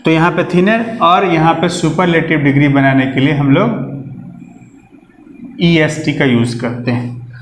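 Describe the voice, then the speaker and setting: Male grammar teacher, slightly high voice, patient step-by-step explainer who quizzes the class, recorded in a roomy space. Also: slight background noise.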